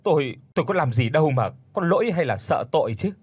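A man voicing a frightened, guilt-ridden older husband who answers in low, evasive mumbles. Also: animated, moderate pace, darkish tone, slightly rough, no room sound. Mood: weary.

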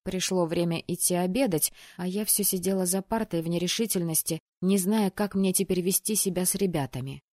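A woman narrating a fantasy novel in the first person, in an even, measured storytelling voice. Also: on the low side, dry recording, clean studio sound. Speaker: audiobook narrator.

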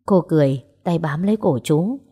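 A woman narrating a romance story aloud and voicing its characters in a gentle, even way. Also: deep voice, moderate pace, breathy edge. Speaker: audiobook narrator. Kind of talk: storytelling narration with dialogue voices.

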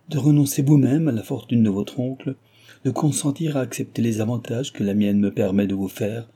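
A man's voice: mid-range voice, dark tone, slightly rough, close to an everyday voice. A man voicing a proud, agitated young male suitor in a storybook reading, speaking in an impassioned, pleading way.

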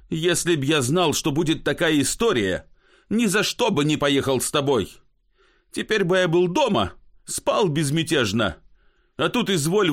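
A man's voice: a little high, pitched above the performer's own voice. A man voicing a weary, thirsty companion who whines and complains indignantly. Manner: whining, complaining.

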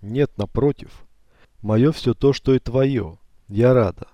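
A man reading the lines of a tearful young mother in an audiobook, softly and hushed. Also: medium pitch, takes it slowly, dry recording, muffled recording, natural voice. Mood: tender.

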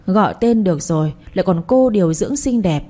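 A woman voicing a sharp-tongued older mother-in-law who scolds and nags in a raised voice. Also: animated, fairly quick, natural voice. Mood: scornful. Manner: shrill, scornful, nagging.

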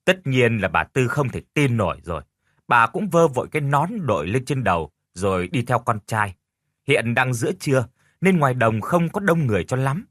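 Expressive male horror story narrator. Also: medium pitch, moderate pace, no room sound, clean studio sound.

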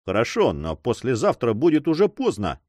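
A man's voice: medium pitch, huge pitch swings, moderate pace, a little mellow, dry recording. A man voicing a cautious older uncle and governor who scolds the young men in a story. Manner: worried, scolding.

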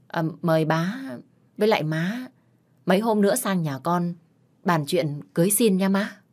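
A respectful young suitor speaks politely and deferentially, voiced by a woman storyteller. The tone is low-pitched for her. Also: normal speed, a little mellow, close to an everyday voice.

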